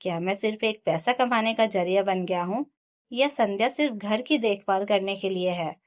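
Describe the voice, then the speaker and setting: Female narrator doing a resolute young husband, earnest storybook voice, mid pitch. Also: moderate pace, close to an everyday voice. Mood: firm. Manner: firm, earnest.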